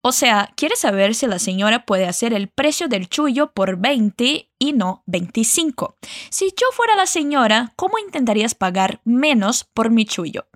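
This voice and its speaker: A woman teaching a lesson, modeling phrases slowly and carefully for learners to repeat. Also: a little high, big pitch swings, dry recording, studio quality. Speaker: Spanish teacher. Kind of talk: language lesson narration.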